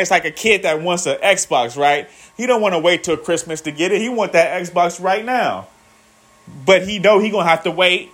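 Man, thirties, profane casual vlog talk, slightly high voice, rambling, calls viewers guys. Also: a bit bright. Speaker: vlogger. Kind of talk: casual motivational monologue.

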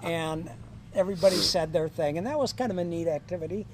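An older man telling stories from his years as a high school counselor in a casual podcast chat, chuckling and acting out the quoted lines. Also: fast talker, slight background noise. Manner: chuckling anecdotal storyteller, acts out quoted lines.

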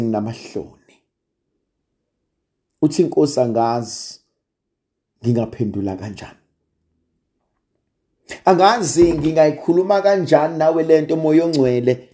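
Zulu south african preacher doing a sermon, dark mellow voice, repeats phrases to build up. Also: medium pitch. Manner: repetitive, rhetorical build-up. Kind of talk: sermon with prayer quotations and testimony.

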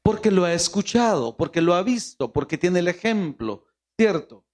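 A Honduran pastor with a Honduran Spanish accent delivers a sermon with prayer, praying with pleading repetition of "Señor" before preaching and asking the congregation rhetorical questions. His high voice is sing-song and a little mellow, at normal speed.

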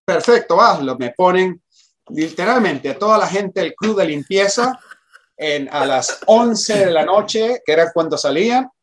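A man telling a personal anecdote in conversation, animated, acting out quoted dialogue and often restarting his sentences. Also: high-pitched, unhurried, a little hiss or hum. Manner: animated storyteller who acts out quoted dialogue, frequent restarts.

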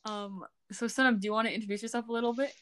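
A woman's voice: fairly high pitch, fairly even intonation, rapid-fire, fairly bright tone, low-quality recording. A woman hosting a casual podcast interview, asking friendly, chatty questions. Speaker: podcast host.

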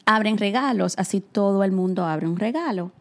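Her mid-range voice moves at a normal speed as she co-hosts an easygoing conversation. The Dominican co-host speaks directly to listeners as "señores," handing out practical advice.

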